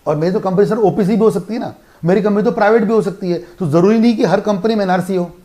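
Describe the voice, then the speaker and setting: Indian male law tutor, high voice, emphatic revision lecture, quick rhetorical questions. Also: warm tone. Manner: emphatic, asks and answers his own questions. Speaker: law teacher.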